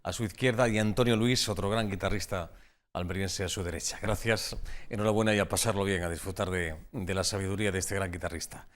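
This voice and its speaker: A man presenting an afternoon TV magazine, introducing reports with brisk enthusiasm. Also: low-pitched, steady tone. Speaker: TV studio host.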